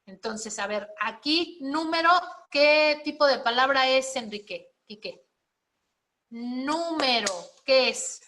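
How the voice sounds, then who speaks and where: Bright-voiced woman teaching spelling. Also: sits high, unhurried. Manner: explanatory, checks in with frequent questions. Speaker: spelling and writing instructor. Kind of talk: live class teaching.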